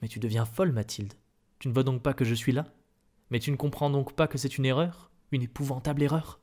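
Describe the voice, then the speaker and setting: A man playing an outraged painter who protests and pleads, in a soft-spoken ASMR reading. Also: mid-range voice, moderate pace, natural voice. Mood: indignant. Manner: exasperated, protesting. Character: indignant middle-aged male painter, outraged and desperate.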